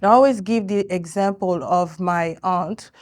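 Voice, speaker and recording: A woman's voice: lowish voice, normal speed. A middle-aged woman from the Democratic Republic of Congo, a dentist being interviewed, speaking earnestly with frequent restarts. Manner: earnest, many restarts and fillers. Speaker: dentist and clinic owner, guest. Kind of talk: interview conversation.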